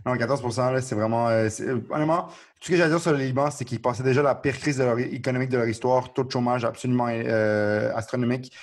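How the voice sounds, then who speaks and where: Quebec guy explaining the news fast, keeps restarting, pretty flat delivery. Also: medium pitch. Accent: Quebec French. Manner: earnest, explanatory, frequent restarts. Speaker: podcast co-host. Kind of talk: casual current-affairs discussion.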